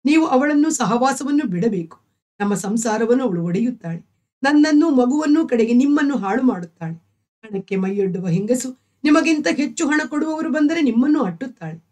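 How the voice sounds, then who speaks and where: Sorrowful young wife, devout and gentle, pleading, read by a woman storyteller. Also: high voice, animated, normal speed. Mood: pleading, grieving.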